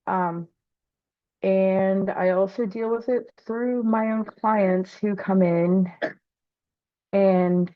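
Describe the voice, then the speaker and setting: A woman introducing herself on a video call in a hesitant, halting way. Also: on the low side, no room sound. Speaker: workshop participant, massage therapist. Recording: tinny phone-like call audio.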